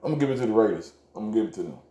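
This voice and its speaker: A man's voice: fairly low pitch, lively intonation, very fast, mellow. A man co-hosting a casual sports chat, easygoing and often laughing at his own picks. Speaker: co-host making game picks. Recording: echoey room.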